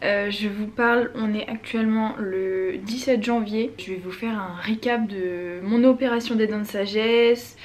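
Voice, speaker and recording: A woman's voice: mid-range voice, steady tone, unhurried, hardly any pauses. A young woman vlogger chatting informally and frankly to camera, with some self-deprecation. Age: young adult. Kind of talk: casual chat to camera. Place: small room at home, indoors.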